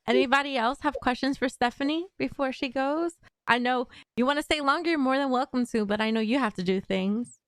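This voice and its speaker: A woman host with a fairly high voice reads out viewer comments and questions, giggling between them. Her voice is recorded dry and close, with no room around it. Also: normal speed, dry recording. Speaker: channel host. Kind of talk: reading out viewer comments in a live interview.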